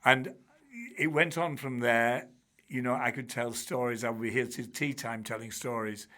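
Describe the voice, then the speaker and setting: An older man from Bradford, England, a former teacher and charity trustee, is the guest in a relaxed interview, telling stories chattily with plenty of restarts, asides and "you know"s. His mid-range voice keeps a steady tone at a moderate pace, and his manner is warm-humoured.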